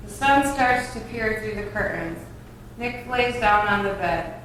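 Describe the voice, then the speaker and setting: Reading stage directions aloud during a table read, a woman speaks expressively and a little slowly, her medium-pitched voice fairly bright. The recording is echoey, captured far from the mic with faint noise.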